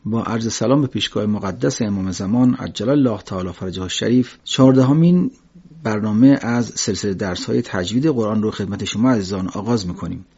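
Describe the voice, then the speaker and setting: A man teaching a lesson on Quran recitation, patiently explaining and slowly demonstrating letter sounds. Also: fairly low pitch, dark tone, slightly rough. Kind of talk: religious lesson on pronunciation. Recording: dull lo-fi recording.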